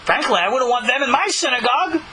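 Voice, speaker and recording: Speaking fast with an extremely high pitch and lively intonation, a rabbi teaches scripture in a recorded Bible study lesson. His voice sounds pushed and bright as he earnestly explains, stressing key words by rising in volume. A little hiss or hum sits under the audio.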